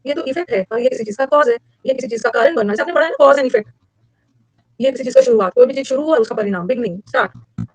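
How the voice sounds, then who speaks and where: A woman teacher running a lively classroom lecture, drilling vocabulary with repetition and mnemonics. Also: very fast, dry recording. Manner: energetic, repetitive, with sudden high-pitched emphasis. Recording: dull lo-fi dry recording.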